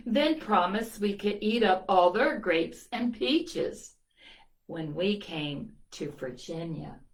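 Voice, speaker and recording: On a poor recording, a woman with a lowish voice reads a picture book to children. She tells the story expressively, a children's storytime reader who slips in little asides to her young audience.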